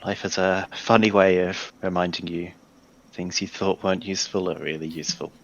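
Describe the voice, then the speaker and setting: A man's voice: low-pitched, fairly even intonation, brisk, gravelly, muffled recording. A man casually playing his character in a tabletop role-playing game, wry and rambling. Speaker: player.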